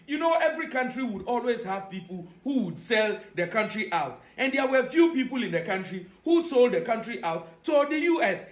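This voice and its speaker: A man with a West African accent giving impassioned political commentary, emphatic and insistent, repeating phrases for rhetorical effect. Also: very high voice. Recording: echoey, reverberant room.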